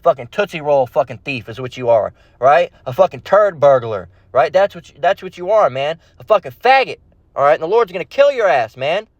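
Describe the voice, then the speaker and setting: With a high voice that swings widely in pitch, a man preaches an informal, impromptu sermon in street style, reading from the Bible at a fairly quick pace. He's confrontational, slangy, and blunt, repeats himself, and keeps tacking on "all right?" and "okay?" The audio is dry, dull, and lo-fi.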